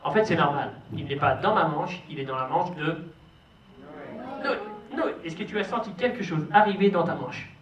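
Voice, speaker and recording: A man performs as a kids' party magician in a high voice. He is theatrical and playful, teasing and coaxing young helpers and parents. The recording is distant and echoey, with clear audience noise in the hall. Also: normal speed, a bit bright, lo-fi sound. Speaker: stage magician hosting a children's magic show. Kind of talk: live kids' party magician patter to children and families. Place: show venue with a stage and live audience.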